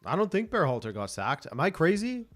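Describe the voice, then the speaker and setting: A man's voice: on the high side, sing-song, brisk, soft background music. Casual man hosting a live stream. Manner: reads viewer comments aloud and chuckles. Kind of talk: casual live watch-along chat.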